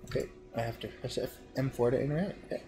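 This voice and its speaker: A man giving relaxed, casual gameplay commentary and reading game text aloud. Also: medium pitch, fast talker, background noise. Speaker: gamer.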